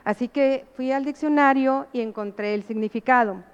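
A woman's voice: sits high, moderate pace, clear, resonant tone, long reverb tail, lo-fi sound. A woman preaching a sermon, earnestly asking the congregation rhetorical questions.

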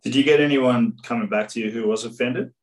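A man with a medium-pitched voice chats casually as a podcast co-host. He is matey with a dry sense of humour. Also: brisk, poor audio.

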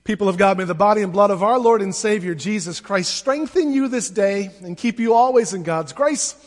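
A male pastor leading liturgical prayers at a pulpit microphone in a church, reading in a measured, solemn way. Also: high voice. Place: church sanctuary. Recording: long church reverb.

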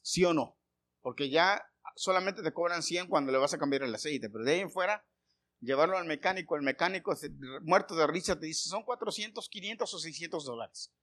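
High, bright-voiced pastor preaching. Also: male voice. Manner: animated preaching, swinging from loud calls to quiet asides; homely storytelling with rhetorical questions to the congregation. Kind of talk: sermon.

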